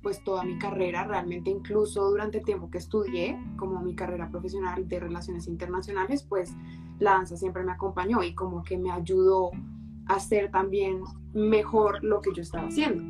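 Young colombian-accented woman, dancer guest, thoughtful with pauses, mid pitch, guitar playing behind. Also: level tone, low-quality recording. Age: 20s. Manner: thoughtful, hesitant fillers. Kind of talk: live-stream interview.

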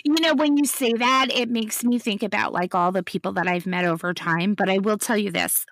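A woman's voice: medium pitch, a little fast, a bit bright, no room sound. Chatty woman on a dry mic. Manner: chatty, storytelling, frequent "you know". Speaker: podcast co-host. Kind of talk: casual chat.

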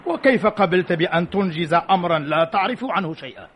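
An actor in an old Arabic radio drama playing a wry, authoritative ancient commander, speaking in measured formal lines. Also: male voice, high-pitched, lively intonation, a bit bright. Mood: calm, commanding. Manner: measured formal delivery, dryly witty. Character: calm, wry, authoritative male Carthaginian army commander. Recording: muffled, hissy old radio recording.

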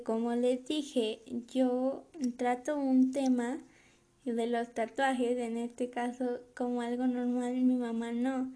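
Warm-voiced young woman, chatty. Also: on the high side. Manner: chatty, laughs while telling. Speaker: podcast host. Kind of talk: casual storytelling monologue.

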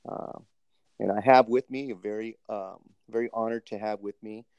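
Low gravelly man, polite host, lots of ums, dry close sound. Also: steady tone, moderate pace, a little mellow, no room sound, muffled recording. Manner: polite, many ums, formal address of sir. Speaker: host, military doctoral student interviewer. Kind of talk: casual interview, recorded podcast segment.

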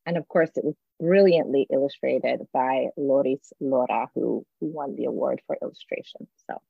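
A woman's voice: rumbling low, moderate pace, creaky, breathy edge, dry recording. A woman moderating a panel, speaking in a friendly, hesitant way with many "um"s. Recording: dull, dry sound.

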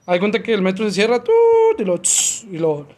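During a relaxed podcast conversation, this young co-host from Mexico spins a story at high speed and high pitch, faint noise behind him. His Mexican Spanish is full of slang, and he acts it out with voices and sound effects.

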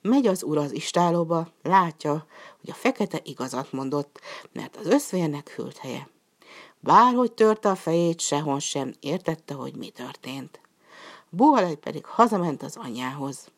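Low-voiced woman reading a folk tale. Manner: calm storybook reading, voicing characters' lines with raised pitch. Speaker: storyteller. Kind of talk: scripted folk tale narration.

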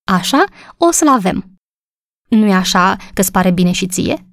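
A woman's voice: medium pitch, expressive, dry recording, studio quality, natural voice. A woman voicing a cheerful, eager young wife.

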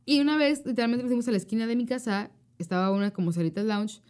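Woman, young adult, Mexican accent, podcast co-host, casual slangy chat, mellow tone. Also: on the high side, fast. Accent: Mexican Spanish. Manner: slangy, animated storytelling.

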